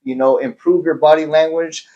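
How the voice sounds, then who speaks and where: A man's voice: a little high, fairly even intonation, moderate pace, creaky, lo-fi sound. A man, a real estate agent, giving plain advice on cold calling with some fillers. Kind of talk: sales training talk.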